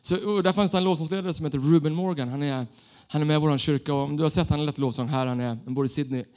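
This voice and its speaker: High-voiced man preaching with animated stories. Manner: storytelling, animated, self-mocking. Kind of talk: sermon.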